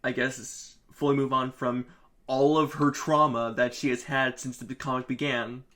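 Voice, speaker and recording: A man co-hosting a casual comic review, recapping the plot in a halting, wry way. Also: medium pitch, level tone, sharp tone. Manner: halting, many fillers and restarts, wry. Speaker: podcast co-host.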